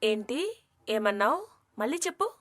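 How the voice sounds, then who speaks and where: A woman voicing an impulsive, naive young female alien in an animated story, blunt and outspoken. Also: on the high side, measured pace, full character voice. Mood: indignant. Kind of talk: storybook cartoon voice acting.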